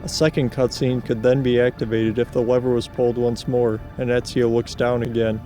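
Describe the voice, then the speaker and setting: Mellow deadpan male narrator. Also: medium pitch, fairly quick, soft background music. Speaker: narrator of a video game countdown. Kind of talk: scripted narration with casual asides.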